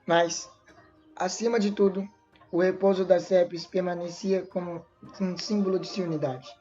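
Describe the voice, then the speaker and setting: Woman narrator, lowish voice, stumbles and restarts now and then, dull recording. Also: fairly even intonation, normal speed, dark tone. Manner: reads with small slips and restarts. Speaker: lore narrator. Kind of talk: storytelling narration. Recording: dull lo-fi voice with faint music.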